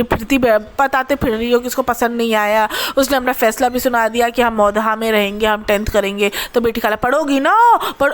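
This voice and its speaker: Woman, vlogger, high voice, sarcastic, teasing gossip commentary. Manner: sarcastic, teasing, mocks others.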